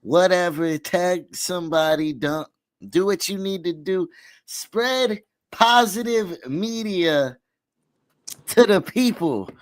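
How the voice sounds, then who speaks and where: A man's voice: high-pitched, slow, no echo. A man hosting a casual livestream talk show, hyping up viewers and repeating his call-outs. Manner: hype, calls out to viewers, repeats phrases. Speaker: host.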